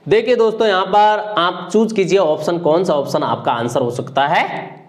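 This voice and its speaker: A man from India with a high voice teaches an exam-prep vocabulary lesson. He repeats each word and its meaning over and over, drilling it like a classroom tutor. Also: moderate pace. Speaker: English teacher.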